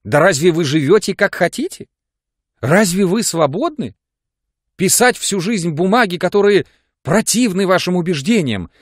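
A man's voice: high voice, lively intonation, moderate pace, no room sound, studio quality, voice pushed up. A man voicing Zinaida Fyodorovna, a desperate, tearful woman who pleads with her lover in an audiobook. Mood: pleading. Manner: sobbing, pleading, overwrought.

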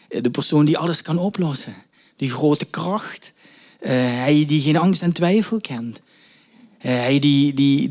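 A man gives a story-driven sermon, and his voice sits a little higher than most men's. He retells the scene with emphatic questions and small hesitations as he reflects on it. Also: a little mellow. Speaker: preacher.

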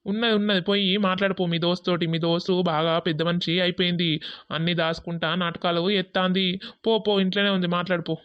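A man plays a jealous young husband in a village cartoon who answers curtly and brushes people off. His voice is smooth and clean but flat, in a Telangana Telugu accent. The recording is dry and dull. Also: high voice, fairly quick, no echo, natural voice. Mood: irritated. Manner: irritated, brusque.

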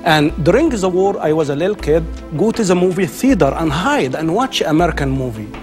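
A man's voice: on the high side, animated, a little fast, darkish tone, faint music behind. A man in his forties from Egypt with an Egyptian accent, speaking earnest, broken English as a guest on a studio talk show. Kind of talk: passionate talk show discussion. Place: TV studio with live audience. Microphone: lapel.

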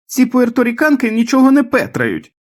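A man voicing a feverish, delirious elderly mother who cries out in a shrill, squealing voice. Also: expressive, normal speed.

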